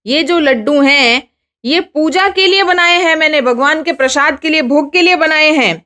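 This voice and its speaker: A woman teacher reading Sanskrit phrases slowly, then explaining each one and asking her students questions. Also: sits high, sharp tone. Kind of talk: Sanskrit lesson explained in Hindi.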